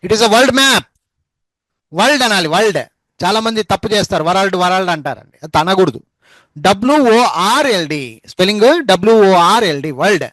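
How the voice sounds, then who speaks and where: Brief: high-pitched male teacher, patient repeater, dry close sound. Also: animated, fairly bright tone, no echo, low-quality recording. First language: Telugu. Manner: spells words out letter by letter, repeats words slowly. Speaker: English teacher. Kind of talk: spoken English lesson.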